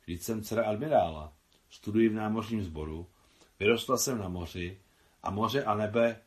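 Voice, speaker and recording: A man's voice: lowish voice, close to an everyday voice. A man reading the lines of a curious young woman, an admiral's daughter, in an audiobook, with an eager, questioning delivery.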